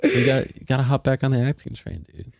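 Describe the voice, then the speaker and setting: A man hosts a podcast with a mellow, dark voice, recorded dry and close. He talks in a laid-back way, tossing in "dude" and casual swearing as he chats. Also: medium pitch, fairly even intonation, fast talker, gravelly, no room sound. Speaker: podcast host.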